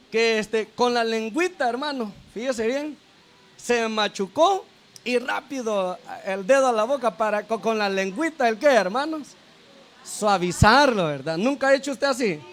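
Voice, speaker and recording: A man's voice: extremely high pitch, unhurried. A deacon preaching a sermon, checking in with the congregation through repeated tag questions, calling them brother and sister, and restarting his phrases. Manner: addresses listeners as brother and sister.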